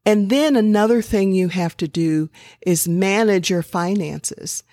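A woman hosting a podcast, giving gentle, earnest self-care advice with a faith bent in an unhurried talk. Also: mid-range voice, no echo, clean studio sound. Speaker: podcast host.

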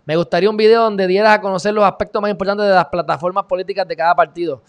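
A man with a Puerto Rican Spanish accent hosts his live stream, his voice sitting a little higher than most men's. He talks casually and heatedly, tossing in mocking, sarcastic asides as he works through the chat. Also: fairly even intonation, very fast, clean tone. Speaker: online show host.

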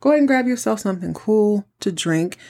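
A woman's voice: mid-range voice, expressive, fairly quick, gravelly, dark tone. A woman hosting a casual TV recap podcast, chatty and campy, with theatrical, dramatic emphasis. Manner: theatrical, campy show-host delivery. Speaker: podcast host.

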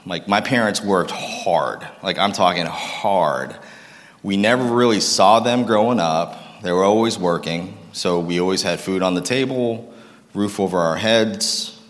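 A man in his thirties, from Massachusetts, with a low voice shares his life story with a live audience. He talks casually, pokes fun at himself and jokes with the crowd, and his voice rings out with the long reverb of a big room. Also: measured pace. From Massachusetts, United States. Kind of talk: personal testimony talk to an audience.

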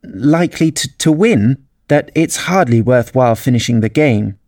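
A man's voice: medium pitch, lively intonation, moderate pace, a little mellow, dry recording, studio quality, natural voice. A man reading aloud voices a polite, anxious young girl with a prim, complaining way of talking. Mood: fretful.

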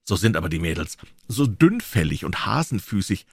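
A man's voice: low-pitched, very animated, moderate pace, gravelly, breathy edge, no room sound, heavily acted. A man voicing a cocky young schoolboy who scoffs while muttering to himself. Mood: scornful.

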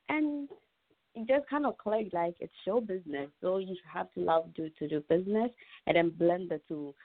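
This podcast guest is a young adult woman with a Ghanaian accent who hopes to act and model, and she talks casually in an interview. Her voice is fairly low, there's no echo, and the audio has a muffled phone-line quality.

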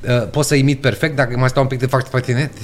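A Romanian voice actor chatting as a podcast guest, animated and playful, slipping into sound effects. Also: male voice, medium pitch. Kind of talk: casual podcast chat.

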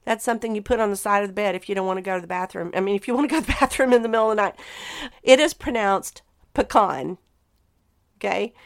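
A woman's voice: medium pitch, racing, clear, resonant tone. A woman hosting a podcast, chatting in a rambling, easygoing way and laughing often. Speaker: podcast host. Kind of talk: casual solo podcast chat.

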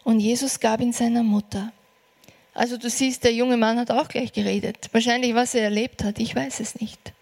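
A woman preaching a sermon, earnest and encouraging, slowing down for emphasis. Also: on the high side, flat delivery, creaky, a little mellow.

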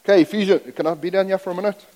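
A middle-aged guest preacher, from Zambia and raised in South Africa, talks very fast in a high-pitched, steady, dark-toned voice. His sermon is folksy and self-mocking, drifting into asides, and the church sanctuary rings with long hall reverb.

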